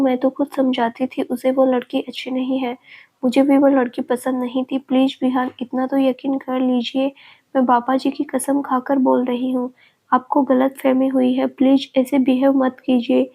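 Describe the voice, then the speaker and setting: A woman's voice: high voice, completely flat delivery, moderate pace, muffled recording. A woman voicing a young woman who tearfully pleads with her lover, in a storybook reading. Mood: pleading. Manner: pleading, earnest.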